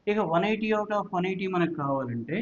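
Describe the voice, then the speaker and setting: A man's voice: high-pitched, expressive, brisk. A male physics teacher with a Telugu accent talks students through exam prep, mixing Telugu and English and repeating points with check questions. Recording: dull, lo-fi audio.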